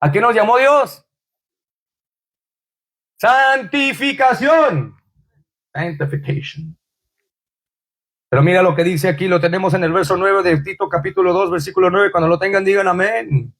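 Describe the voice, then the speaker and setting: A man preaches from the pulpit in a high, husky voice. He swings from shouted scripture to quiet, low asides to the congregation. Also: fast, few pauses. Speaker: pastor. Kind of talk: bilingual sermon. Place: church.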